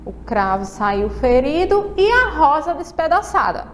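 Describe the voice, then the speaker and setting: High-voiced Brazilian teacher, slow and patient. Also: female voice, sing-song, a little hiss or hum. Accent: Brazilian Portuguese. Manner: slow, spelled-out letter-by-letter explanations with frequent check-ins. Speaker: primary school teacher. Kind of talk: televised lesson for children.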